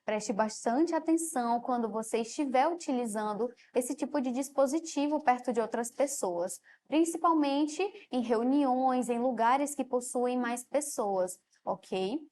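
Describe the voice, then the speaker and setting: A woman's voice: a little high, measured pace, hardly any pauses, a little hiss or hum. Brazilian woman teaching a lesson. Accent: Brazilian Portuguese. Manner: explanatory, often ends phrases with a quieter "ok?". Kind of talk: televised classroom lesson. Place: studio.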